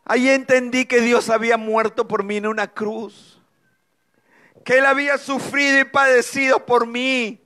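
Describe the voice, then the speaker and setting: High-pitched middle-aged man, church testimony, emotional preaching with dramatic pauses. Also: level tone, bright, forceful tone. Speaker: speaker giving a testimony.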